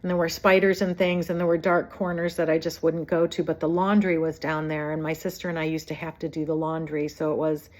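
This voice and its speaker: A woman's voice: deep voice, flat delivery, brisk, hardly any pauses, a little mellow. A woman in her fifties from New Jersey, telling her own life story in a meandering, digressive way. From New Jersey, USA. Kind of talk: personal reminiscence.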